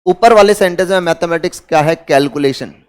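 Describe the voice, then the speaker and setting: A man's voice: a little high, fairly quick, clean tone. A man with an Indian accent giving a grammar lecture in a classroom, who asks his students questions and then answers them himself. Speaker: English teacher.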